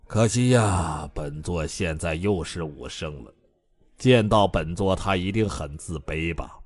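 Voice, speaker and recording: A man's voice: low voice, expressive, unhurried, no room sound, voice pushed down. A man voicing a pompous, chubby male sword master who swings from smug murmuring to panicked squealing, in an audiobook. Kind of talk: audiobook character voice.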